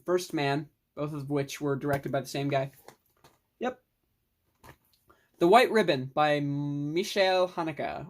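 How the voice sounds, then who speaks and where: A young adult vlogger giving a casual, rambling film review monologue, enthusiastic, with mild swearing. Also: mid-range voice.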